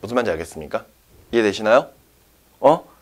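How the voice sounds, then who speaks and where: A man's voice: lowish voice, big pitch swings, quick pace. A man teaching a science class, explaining step by step and often checking whether the students follow. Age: young adult. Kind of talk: classroom lecture.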